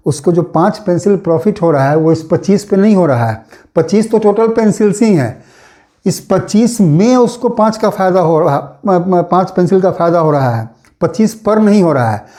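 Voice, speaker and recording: High-pitched, mellow-voiced maths teacher. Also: male voice. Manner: repetitive, patient step-by-step explaining. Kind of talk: classroom explanation.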